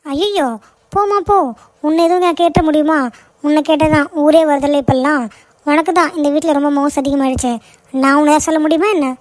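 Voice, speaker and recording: A woman's voice: high-pitched, fairly even intonation, brisk, no room sound, natural voice. A woman voicing a middle-aged cartoon mother who scolds and complains about her household. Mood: sarcastic. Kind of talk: cartoon voice acting.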